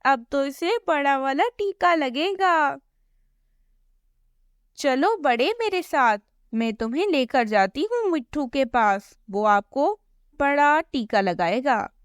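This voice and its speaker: A woman's voice: high voice, animated, takes it slowly, dry recording, studio quality, pitched above the performer's own voice. A woman voicing a fussy cartoon mother bird who scolds her son in a motherly way. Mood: scolding.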